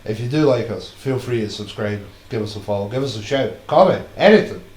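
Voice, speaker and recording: A man's voice: lowish voice, brisk, darkish tone, echoey room. A man from Scotland co-hosting a fighting game stream, chatting casually with loose banter and easy swearing. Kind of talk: casual commentary chat.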